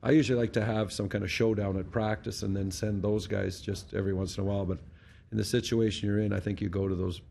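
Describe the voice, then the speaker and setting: A man's voice: lowish voice, level tone, fast talker, vocal fry, a little mellow, a little hiss or hum. A middle-aged Canadian man answering reporters at a post-game press conference, blunt and matter-of-fact, talking into a desk mic. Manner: blunt, matter-of-fact, restarts words often. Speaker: hockey head coach. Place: press conference room in front of a sponsor backdrop. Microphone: desk mic on a stand.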